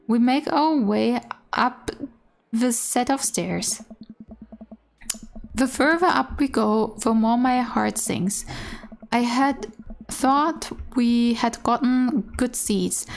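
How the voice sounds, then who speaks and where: High-voiced woman reading a game aloud. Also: creaky. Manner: stumbles over words while reading, candid asides. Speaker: gaming streamer doing a let's play. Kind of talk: reading game dialogue aloud with casual commentary.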